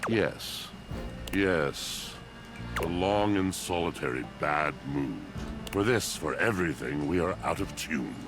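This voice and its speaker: Very deep, brooding theatrical villain. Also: male voice, animated, takes it slowly, over music, full character voice. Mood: solemn, brooding. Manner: theatrical, grandiloquent dramatic monologue. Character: brooding, melancholy, poetic male washing machine with villain voice. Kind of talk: dating sim game voice acting.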